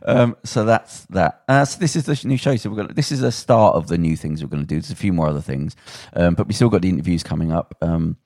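Give me a very low-pitched man chatting loosely as a podcast host. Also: lively intonation, fast, hardly any pauses, a little mellow, dry recording, clean studio sound. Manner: loose, laughing, trails off and restarts. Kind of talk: casual chat.

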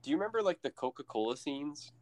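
A man co-hosting a casual movie podcast, animated and laughing as he retells scenes. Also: on the high side, fast, no room sound. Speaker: podcast co-host.

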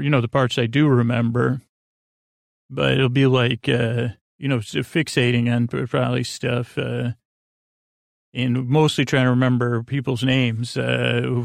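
In clean studio sound with no echo, a man hosts a bedtime podcast in a gravelly mid-range voice. He wanders from point to point, stammering and losing track of what he's saying.

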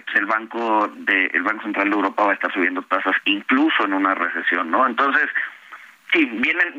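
A man's voice: fairly low pitch, sharp tone. Mexican man analyst on a phone line. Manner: explanatory, frequent tag "¿no?". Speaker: portfolio manager guest. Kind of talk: financial interview.

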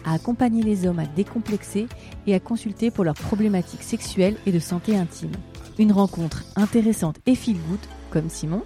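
A woman's voice: mid-range voice, mellow. A woman hosting a podcast, presenting and asking questions in conversation. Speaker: podcast host. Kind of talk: scripted podcast introduction and casual interviewing.

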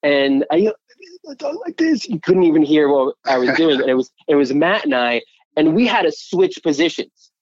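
A man who co-owns a restaurant, telling stories in an interview in a lively way and laughing easily. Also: fairly high pitch, normal speed, dry recording, lo-fi sound. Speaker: restaurant co-owner. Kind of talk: interview storytelling.

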